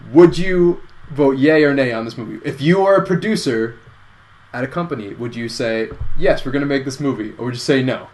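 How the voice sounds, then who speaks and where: A man hosting a casual online show, pitching a movie idea in a rambling, self-correcting way. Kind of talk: casual comedic chat.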